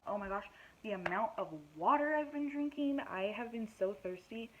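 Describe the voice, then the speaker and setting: A woman's voice: a little high, animated, moderate pace, fairly bright tone, highs cut off, slight background noise. A young woman giving a casual pregnancy update vlog, out of breath, rambling with lots of fillers and self-deprecating asides. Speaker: vlogger.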